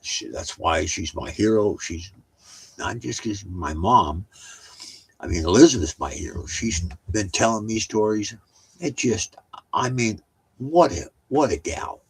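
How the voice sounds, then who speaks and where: A man's voice: on the low side, lively intonation, unhurried, breathy edge, rough recording. An older man telling family stories at home in a rambling, casual way, with many restarts and side remarks. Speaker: storyteller.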